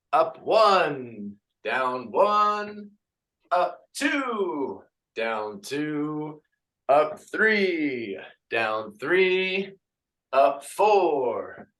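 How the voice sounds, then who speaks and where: A man leads a group exercise session, calling out reps and stretches. His voice sits a bit high for a man and he takes his time, trading jokes and small talk with the people working out. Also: a bit bright. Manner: counts out reps and jokes with the class between exercises. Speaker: fitness coach. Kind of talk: leading a group workout class.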